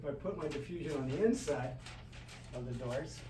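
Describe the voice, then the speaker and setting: A man's voice: a little high, a little fast, loud music behind the voice. Chatty man teaching lighting, echoey room. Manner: chatty, loose storyteller with restarts and asides. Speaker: film lighting instructor. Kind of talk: hands-on workshop demonstration. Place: studio classroom with a group. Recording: echoey room, distant, noisy ambience.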